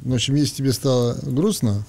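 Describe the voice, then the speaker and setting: A man's voice: mid-range voice, a little fast, a little mellow. A man co-hosting a radio show, chatting in casual, playful banter. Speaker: radio co-host and DJ. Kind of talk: casual prank-call banter. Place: radio show phone call. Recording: clear background noise.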